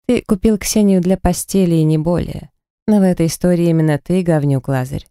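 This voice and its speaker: A blunt friend lays out hard truths in a scolding tone, as a man reads him. The voice is mellow and smooth, dry and close-miked. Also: a little high, fairly quick, no room sound, lightly acted. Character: blunt male best friend, scolding and frank.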